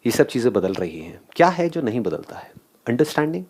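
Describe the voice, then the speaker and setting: A man's voice: medium pitch, very animated, fairly quick, darkish tone, husky. A man giving a motivational talk, asking the audience questions and mixing English phrases into his speech. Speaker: motivational speaker.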